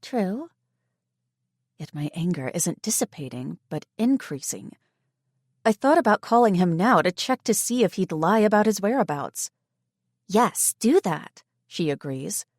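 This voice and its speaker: A woman with a fairly low voice reads a first-person romance audiobook in steady, measured storytelling. She is recorded close on a studio mic in a dry, dead room. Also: no room sound. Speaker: audiobook narrator.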